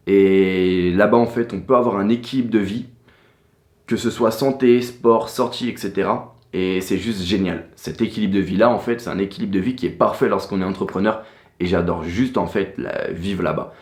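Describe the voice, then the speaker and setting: A man's voice: on the low side, darkish tone, roomy sound. A man who runs an agency, giving casual business advice straight to camera, loose and repetitive, with plenty of fillers. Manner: loose and repetitive, many fillers like "du coup" and "en fait". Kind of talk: casual talking-head advice vlog.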